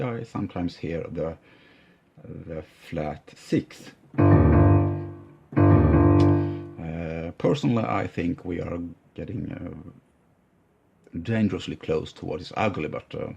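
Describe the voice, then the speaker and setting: A middle-aged man teaching piano, explaining calmly with hesitant "uh" pauses and loudly chanting rhythm words as he plays. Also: low voice, creaky, slightly rough. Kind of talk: explanatory music lesson. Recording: dull lo-fi sound with loud piano. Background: piano playing.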